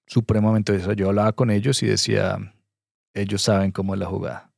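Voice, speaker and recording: A man's voice: fairly low pitch, vocal fry, a little mellow, dry recording, studio quality. Emphatic man giving advice. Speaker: guest investor. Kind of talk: conversational podcast interview.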